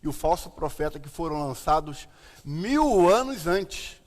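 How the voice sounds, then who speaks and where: A Brazilian man speaks with a slushy lisp and a slightly high-pitched voice. He explains scripture informally, often checking that listeners follow. Long reverb surrounds his voice like a hall. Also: sing-song, a little slow. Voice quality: lisp from a tied tongue, slushy s. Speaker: pastor and live-stream host. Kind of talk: informal Bible teaching on a live stream.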